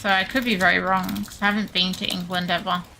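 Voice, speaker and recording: A woman's voice: fairly low pitch, little pitch movement, fast talker, creaky, bright, forceful tone, a little hiss or hum. An Australian woman streaming a game, chatting casually with her viewers and muttering asides to herself as she plays. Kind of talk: casual livestream chat while gaming.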